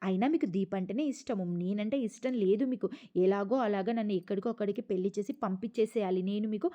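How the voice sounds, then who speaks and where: A woman voicing an angry, jealous young woman from a TV serial who complains in shrill, accusing bursts. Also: fast, dark tone, highs cut off, close to an everyday voice. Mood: resentful.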